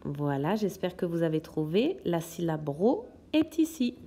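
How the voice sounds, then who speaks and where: A woman's voice: on the low side, big pitch swings, measured pace, warm tone, breathy edge. A woman teaching young children in a recorded lesson, patiently sounding out words syllable by syllable. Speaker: kindergarten teacher.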